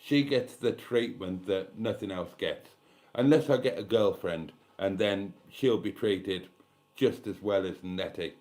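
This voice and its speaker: A man's voice: low voice, unhurried, darkish tone. A man in his fifties hosting a live stream, chatting casually and reading comments in a blunt, candid, sweary way with rambling asides. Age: 50s. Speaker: livestream host.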